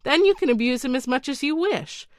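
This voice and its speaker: A woman voicing a pompous male chief counselor at a royal court, proclaiming loudly. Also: high-pitched, animated, brisk, no room sound, pitched above the performer's own voice. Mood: official.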